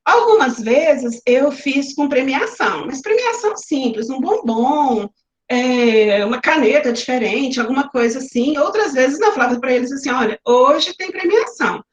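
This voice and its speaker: A woman's voice: sits high, lively intonation, moderate pace, a little hiss or hum. A woman teacher with a Brazilian Portuguese accent, presenting classroom activities in an online lecture and explaining them step by step with examples. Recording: roomy, slightly muffled webinar audio.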